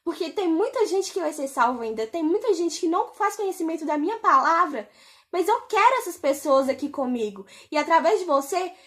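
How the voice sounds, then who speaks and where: Jesus, gentle and calm, as a woman recounts him. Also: very high voice, brisk. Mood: solemn.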